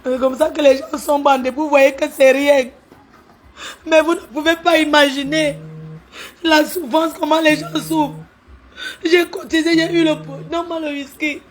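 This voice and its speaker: A woman's voice: sits high, steady tone, unhurried. Tearful, indignant woman ranting live. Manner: agitated, repetitive, indignant questioning. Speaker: livestreamer airing a complaint. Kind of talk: emotional social media live rant. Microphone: phone on a live stream.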